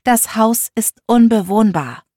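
A woman's voice: on the high side, expressive, slow, dark tone, dry recording, clean studio sound, pitched above the performer's own voice. A woman voicing a flighty middle-aged mother with a drinking problem, who talks in a plaintive, pleading way. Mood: dismissive.

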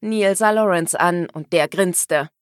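Woman reading an audiobook, lowish voice. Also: slow pace, no room sound, clean studio sound. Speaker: audiobook narrator. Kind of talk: first-person audiobook reading.

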